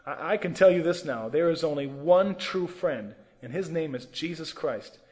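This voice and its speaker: A man's voice: on the high side, lively intonation, a little slow, a little mellow, in a large hall. A man telling a sermon testimony with earnest, emotional storytelling. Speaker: testimony preacher.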